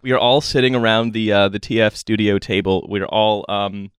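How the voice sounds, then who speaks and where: Low, dry-miked man hosting a podcast. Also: steady tone, moderate pace, clear, resonant tone, dry recording. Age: late twenties to early thirties. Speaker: podcast host. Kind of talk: casual roundtable hosting. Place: small studio, around a table.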